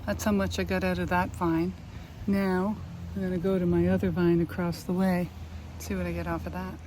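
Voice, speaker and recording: A middle-aged home vlogger records a casual, folksy video diary addressed to her father, chatting plainly through everyday chores in the garden and later indoors at home. Her lowish voice is mellow and level at a moderate pace. The recording is low-quality, with clear ambient background noise.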